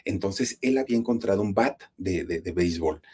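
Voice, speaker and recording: A husky-voiced man with a Mexican accent narrates a scary true-life tale. His pitch leaps and falls expressively, and he keeps turning to address his audience to heighten the suspense. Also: expressive, brisk, a little mellow. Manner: talks straight to listeners, suspenseful. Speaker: horror storyteller, channel host. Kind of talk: dramatic spoken storytelling.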